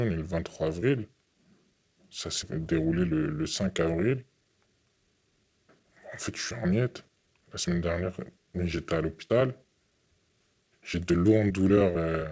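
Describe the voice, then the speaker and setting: A young man from France giving an earnest, halting interview testimony, often repeating his words. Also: deep voice, lively intonation, creaky, darkish tone, husky.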